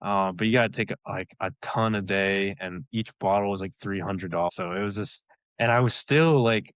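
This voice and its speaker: Low-voiced guy chatting easy on a podcast, lots of "like"s, dry close sound. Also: moderate pace, clean tone, no room sound. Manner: relaxed storytelling, many "like" fillers, laughs often. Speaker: guest, elite runner. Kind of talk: casual interview chat.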